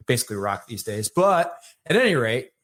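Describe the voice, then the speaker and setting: A man with a Michigan accent, a podcast guest telling his life story in a relaxed, rambling way with many fillers. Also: mid-range voice, brisk. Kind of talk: casual storytelling conversation.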